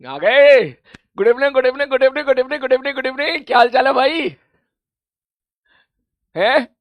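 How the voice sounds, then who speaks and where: A man with a hoarse, gravelly voice that sits high, chatting with students before class. He repeats his greetings and laughs easily. The sound is close and dry. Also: normal speed, no room sound. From India. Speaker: teacher. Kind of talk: casual chat before an online class.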